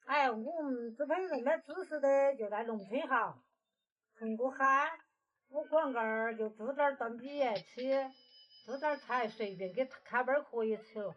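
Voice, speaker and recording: Her voice sits high and a bit bright, moving at a moderate pace, captured in lo-fi sound with a little hiss or hum. She's a roughly seventy-year-old woman from rural Sichuan close to the Guizhou border, an interviewed villager offering short, plain, colloquial replies in Sichuan dialect during casual chat.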